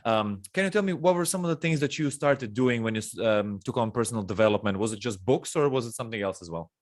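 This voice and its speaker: A man's voice: mid-range voice, lively intonation, fast. A man from Croatia hosting a podcast, asking questions in a casual, friendly way with frequent ums and uhs. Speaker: podcast host. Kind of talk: casual interview conversation.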